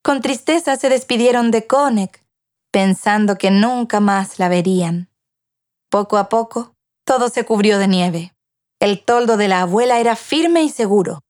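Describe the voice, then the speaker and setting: A woman reading a children's tale aloud as storyteller, measured and clear. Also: medium pitch, a little mellow. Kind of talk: scripted narration of a children's tale.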